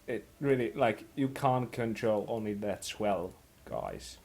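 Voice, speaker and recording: Guy talking games while he plays, sarcastic, gets loud and shouty sometimes, a little hiss behind. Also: fairly low pitch, slow, creaky. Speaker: co-host playing a game. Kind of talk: casual gaming chat.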